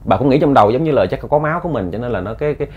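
A man's voice: medium pitch, lively intonation, racing, slightly rough, lo-fi sound. A man telling a ghost story in a folksy, repetitive way, often addressing his listeners.

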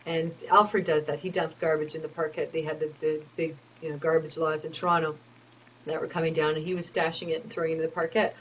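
A woman with a somewhat low voice tells a long, rambling personal story. She sounds aggrieved and fed up, piling complaint upon complaint and filling the gaps with ums and uhs. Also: flat delivery, quick pace, muffled recording, slight background noise. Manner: aggrieved, talks in long run-on complaints with many fillers.

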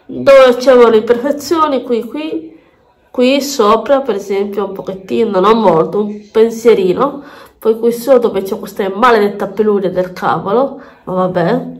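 A woman with a fairly high voice speaks through a pinched, stuffed-up nose, clearly congested with a cold. She chats casually as a beauty vlogger, rambling along and often doubling back on her words. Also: normal speed, a little mellow. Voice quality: nasal, pinched blocked-nose voice. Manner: rambling, repeats words and phrases. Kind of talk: casual chatty makeup vlog. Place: bathroom at home.

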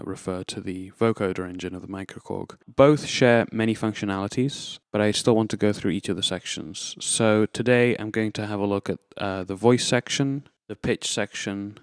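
A man with a smooth, lowish voice presents an informal, unscripted tutorial, walking through things step by step as an instructional demonstration. The audio is clean and studio-like, with no room sound.

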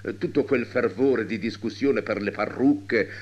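A man's voice: on the low side, measured pace, highs cut off. A man reading a literary short story aloud with dramatic expression. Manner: dramatic, wide-ranging delivery. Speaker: reader.

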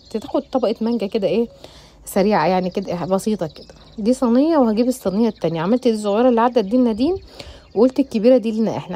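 A middle-aged woman with an Egyptian accent, chatting rapidly and directly to her viewers as a home cooking vlogger. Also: fairly high pitch, warm tone. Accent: Egyptian Arabic. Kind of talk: casual chatty storytelling to viewers.

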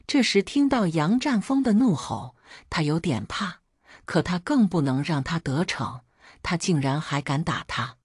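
A woman narrating a family drama story in a scripted, expressive reading. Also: fairly low pitch, measured pace, breathy edge, no echo, studio quality.

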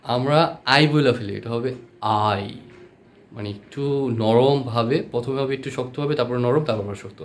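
A man whose first language is Bengali, teaching English letter sounds in a slow spoken lesson, repeating each sound patiently. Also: mid-range voice, a little hiss or hum.

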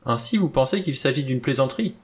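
A man reading an audiobook, voicing a shrewd old judge with a reedy, measured, dry delivery. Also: mid-range voice, lively intonation, natural voice.

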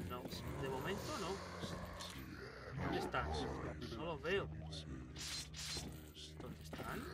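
Excitable swearing Spanish man over gunfire. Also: high voice, recorded from a distance, very noisy. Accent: Spain Spanish. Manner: excitable, swears a lot, talks to the game. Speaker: gaming YouTuber. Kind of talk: let's play commentary. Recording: game gunfire loud behind the voice. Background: loud game gunfire and ambience.

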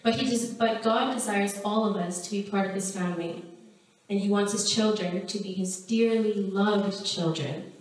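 A woman's voice: medium pitch, steady tone, moderate pace. A woman giving a sermon in a church hall, telling a story in an earnest way before closing in prayer. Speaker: preacher. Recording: very echoey hall, mic at a distance.

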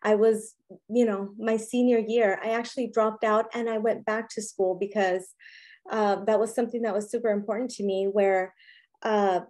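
A woman's voice: medium pitch, darkish tone. A woman guest in an interview, telling her personal story in an earnest, candid way, often saying "you know". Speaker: interview guest, business owner.

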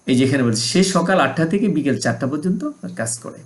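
A man's voice: on the high side, animated, fairly quick. A man giving a video English lesson to young students, going over words one at a time, repeating them and asking the class questions. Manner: explains word by word, repeats and asks rhetorical questions. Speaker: English teacher.

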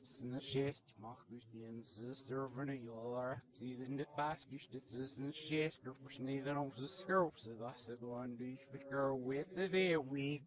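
A man's voice: medium pitch, normal speed, hardly any pauses, crowd noise, rough recording. A man giving a public talk on a handheld microphone, played backwards so the syllables come out reversed and garbled. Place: indoor presentation room.

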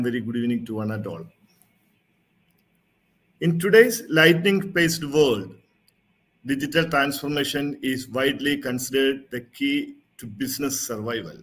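A man giving a formal keynote talk over a video call, reading through his slides in a measured presenter tone. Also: medium pitch, a bit bright. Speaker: keynote speaker. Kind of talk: prepared conference keynote. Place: home or office, seen on video call. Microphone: video call webcam mic.

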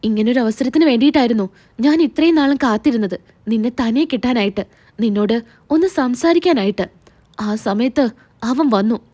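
A woman's voice: fairly high pitch, dark tone, lightly acted. A woman voicing a scheming, pushy young man who coaxes, then turns threatening.

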